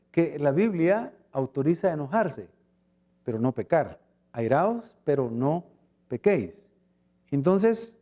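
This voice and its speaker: A man with a Guatemalan accent preaching a sermon as pastor, acting out short dialogues as he goes. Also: fairly high pitch. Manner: animated preaching, acts out little dialogues.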